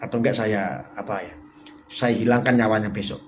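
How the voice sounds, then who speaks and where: A man's voice: steady tone, brisk, slight background noise. A man, hosting a rambling live stream and answering viewer comments in a sarcastic, mock-boastful way, his voice leaping up and dropping without warning. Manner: sarcastic and mock-boastful, with sudden jumps in pitch and volume.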